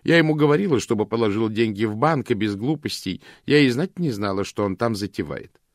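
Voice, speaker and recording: A man's voice: on the low side, lively intonation, a little fast, dry recording, studio quality, pitched above the performer's own voice, close to an everyday voice. A man voicing a stern, gloomy older housekeeper who grumbles mournfully, in an audiobook reading. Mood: grumbling.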